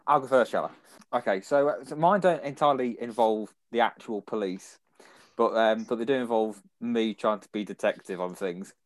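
A young British man co-hosting a podcast tells rambling anecdotes and often breaks into laughter during the loose, casual chat. His low voice moves at a moderate pace, in a dry, close recording.

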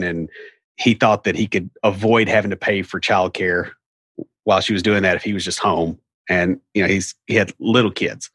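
This low-pitched, slightly rough voice with a fairly bright tone comes from a middle-aged man with an Appalachian hillbilly accent from the Southern US. He explains things casually, in a wry, folksy style full of rambling asides, with no room sound.

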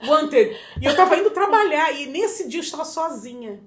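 A middle-aged woman from Brazil, a guest telling a story in casual chat, expressive and often laughing as she acts out quotes. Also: sits high, moderate pace.

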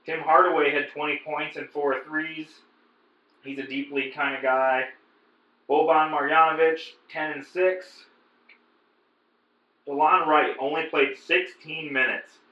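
A man's voice: fairly high pitch, fairly even intonation, a little slow, pauses often, reverberant, muffled recording. A man co-hosting a fantasy sports podcast, chatting casually through his analysis of players. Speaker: fantasy basketball podcast co-host.

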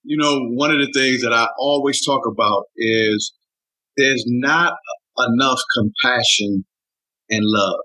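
An older man who mentors youth, talking earnestly in an interview, often repeating himself and rising in pitch when moved. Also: unhurried, sharp tone, rough recording. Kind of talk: heartfelt conversational interview.

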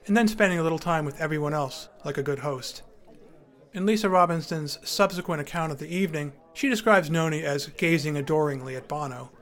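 A man's voice: on the high side, a bit bright. A man narrating his memoir in a wry, dryly humorous way.

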